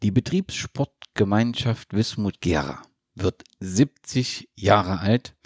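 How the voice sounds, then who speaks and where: A man introducing a podcast as its host, with a deliberate, halting delivery. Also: lowish voice, a little mellow, breathy edge, dry recording, studio quality.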